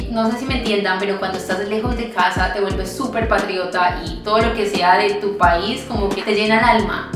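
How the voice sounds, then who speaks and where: A young Colombian woman with a Colombian accent, a barista answering her followers' questions in a casual, friendly, encouraging vlog. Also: medium pitch. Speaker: barista and vlogger. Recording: very echoey room with music behind.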